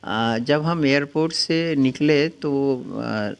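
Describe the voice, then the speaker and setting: An older man from the Varanasi region, a guest house owner, tells his story in an interview in an unhurried, reminiscing way with frequent pauses. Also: mid-range voice, smooth. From Varanasi region, India.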